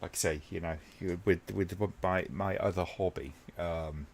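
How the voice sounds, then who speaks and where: A man with a deep, low voice hosts a laid-back watch-along stream. He chats loosely with his viewers, wandering between thoughts and filling pauses with ums and uhs. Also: gravelly. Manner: relaxed, rambling, many ums, talks to chat by name. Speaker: live stream host. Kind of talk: casual watch-along chat.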